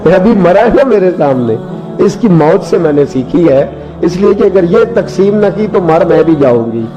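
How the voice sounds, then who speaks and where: A man's voice: sits high, animated, normal speed, lo-fi sound, music in the background. A man voicing a clever, sly female fox in a sermon parable, speaking politely and carefully. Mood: sly, deferential.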